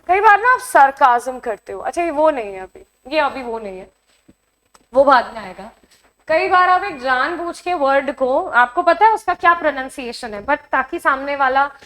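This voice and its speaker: High-voiced Indian woman teaching a class. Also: a bit bright. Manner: explains in mixed Hindi and English, checks understanding with questions. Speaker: exam coaching teacher. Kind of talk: online classroom lesson.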